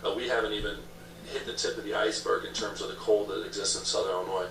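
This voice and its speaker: Fast-talking male political candidate, echoey recording. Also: on the low side, flat delivery, gravelly. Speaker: political candidate being interviewed. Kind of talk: political interview answers. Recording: echoey room, distant mic, noisy background.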